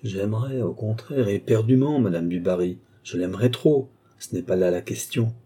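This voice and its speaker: A man's voice: on the low side, normal speed, mellow, breathy edge. A man reading an audiobook, voicing a guarded, eloquent duke in middle age who speaks in long, earnest, courtly speeches. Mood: declaiming. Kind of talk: audiobook reading of a classic novel.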